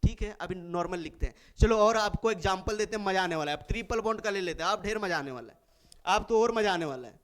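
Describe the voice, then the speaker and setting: A male chemistry teacher, lecturing in a high, smooth voice. He keeps it playful and affectionate, slowly counting carbons aloud and speaking the students' answers for them. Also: expressive. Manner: playful, affectionate, calls students babu and munna; acts out students' replies in a sweet voice. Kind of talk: classroom lecture.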